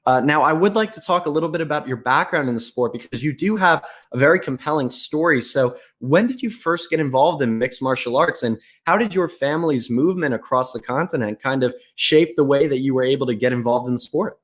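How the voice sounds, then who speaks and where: A man leads an interview over a call, asking long, polite questions at a measured pace. He fills small gaps with "uh". His voice sits at an ordinary middle pitch. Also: fairly bright tone.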